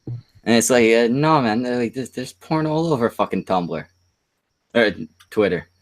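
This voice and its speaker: A man's voice: mid-range voice, expressive, a little slow. A man hosting a stream, telling a long crude story in rambling casual chat. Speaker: stream host.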